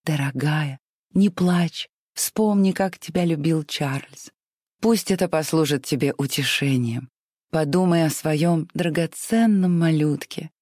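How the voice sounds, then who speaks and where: A reader voicing a gentle, kind young woman who speaks softly and earnestly to comfort. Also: medium pitch, measured pace, no echo, clean studio sound, lightly acted. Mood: soothing. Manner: soft, soothing, earnest. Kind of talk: audiobook reading.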